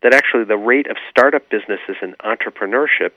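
A man's voice: on the low side, quick pace, no echo. A man, an author being interviewed, explaining his views earnestly and with many fillers. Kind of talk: remote radio interview. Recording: tinny phone line.

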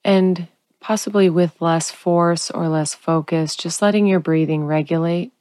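A woman guiding a sleep meditation in a calm, soothing, unhurried sleep-story narrator manner, leaving long pauses. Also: lowish voice, no room sound, clean studio sound. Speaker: guided relaxation narrator.

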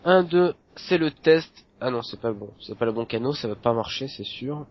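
A man's voice: mid-range voice, lively intonation, normal speed, dull audio, over music. A man with a mid-range voice chats on a casual podcast. He speaks bluntly and grumbles about things. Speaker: podcast co-host. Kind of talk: casual chat.

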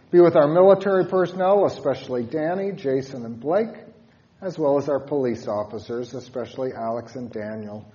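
A man leading congregational prayer as a pastor, solemnly, in measured phrases with pauses. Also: mid-range voice, a little mellow, muffled recording.

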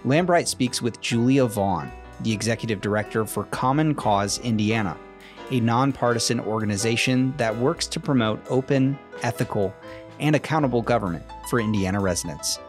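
A man anchors a radio newscast and reads a scripted introduction in a measured way. Soft guitar music plays faintly behind him. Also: medium pitch. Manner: measured read delivery. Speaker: news anchor.

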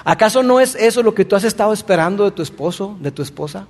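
Earnest high-voiced male pastor preaching. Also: lively intonation, fast, in a large hall. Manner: earnest, addresses listener directly with rhetorical questions. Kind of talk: sermon.

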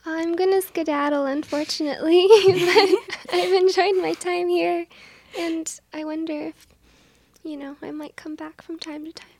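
A young woman from Washington State speaks as a guest violinist in a radio studio. Her voice sits quite high, and she talks in a friendly, chatty way. The tone stays relaxed and conversational. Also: unhurried. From Washington State, USA. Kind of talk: casual radio interview.

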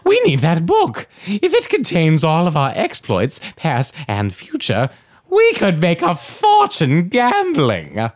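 A woman playing a brash, greedy adventurer in a comedic fantasy audio drama, moving between deadpan and exaggerated indignation. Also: on the low side, slow, heavily acted. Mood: scheming.

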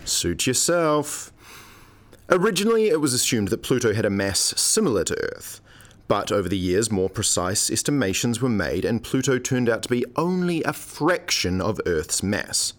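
In a scripted radio play, a supporting actor portrays a sardonic, mock-pompous academic colleague who likes to lecture. His mid-range voice swings widely in pitch at a normal speed, and the acting is light.

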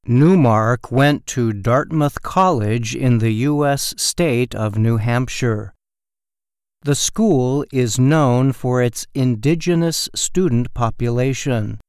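A man reading a scripted educational report in a careful, measured and deliberate way. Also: mid-range voice, a little mellow, smooth, no echo, studio quality. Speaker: narrator of a learning-English news report. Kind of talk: slow, careful scripted narration.

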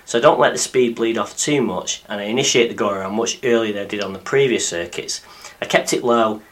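A man with a deep, croaky voice, hoarse from illness, presenting a scripted podcast narration as a pilot and host. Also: brisk, fairly bright tone. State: croaky after a week of flu-like illness.

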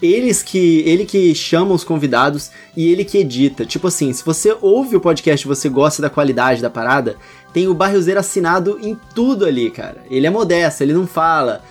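A Brazilian man with a somewhat high voice chats informally as a podcast guest. Music sits faintly behind him. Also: lively intonation, brisk, husky. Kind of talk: casual podcast chat.

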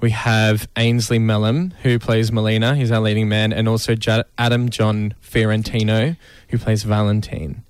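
A man's voice: fairly low pitch, level tone, moderate pace, hardly any pauses, clean tone, no room sound. A man, a musical theatre actor, talking enthusiastically and casually in a radio interview.

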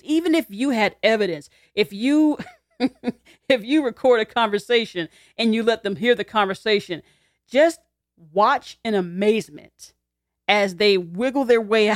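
A woman's voice: mid-range voice, normal speed, no echo, clean studio sound. A woman who teaches, talking through ideas conversationally, acting out quoted lines and laughing in her asides. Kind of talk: explanatory talk to camera.

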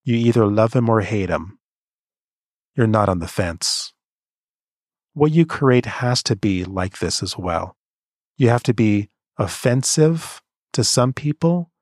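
A man from Canada, giving creative career advice in an earnest, measured motivational monologue. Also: fairly low pitch, darkish tone, no echo, studio quality.

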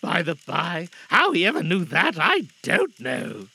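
Guy doing a tender working dad in a storybook, earnest n emphatic, trying not to cry, highish creaky voice. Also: huge pitch swings, a little slow, pushed and bright, heavily acted. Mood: warmly eager. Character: cheerful, tender-hearted working-class father, fighting back grief. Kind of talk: dramatised storybook reading.

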